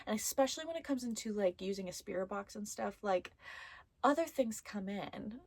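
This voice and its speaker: Her voice sits at medium pitch, expressive and darkish in tone, moving at a moderate pace with no echo. She's the host of a haunted doll story video, a chatty vlog where she reads stories aloud and jokes with viewers and the things nearby.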